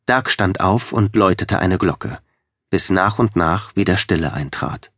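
A man reads a story aloud in a calm, measured way. His voice sits low. The recording is dry and close. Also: husky, no echo. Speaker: audiobook narrator. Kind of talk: scripted narration.

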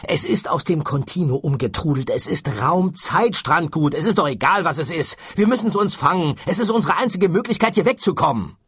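A man reading an audiobook and voicing an excitable, frantic man who shouts urgent orders in a raised, husky voice. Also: mid-range voice, no echo, studio quality, pitched above the performer's own voice. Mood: exasperated shouting. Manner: urgent, loud, rushing then drawing out words. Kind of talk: audiobook character voice.

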